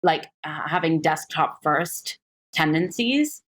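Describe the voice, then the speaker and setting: Woman, 30s, from Singapore, investor guest; low-pitched, reflective, pauses often. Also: expressive. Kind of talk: podcast interview.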